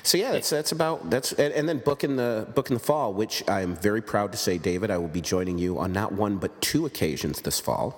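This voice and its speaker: A man with a low voice chats as a podcast host, rambling and cracking jokes at his own expense. His voice carries a long reverb tail. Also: animated, a little fast, few pauses. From United States. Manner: joking, rambling, self-deprecating. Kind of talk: casual podcast chat.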